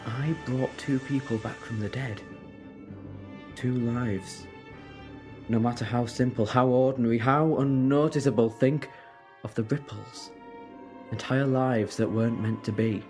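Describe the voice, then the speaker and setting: A man acting a brooding, self-reproachful time-travelling Doctor in an audio drama, with deliberate, halting, theatrical phrasing. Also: medium pitch, fairly even intonation, darkish tone, soft background music, lightly acted. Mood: grave, regretful.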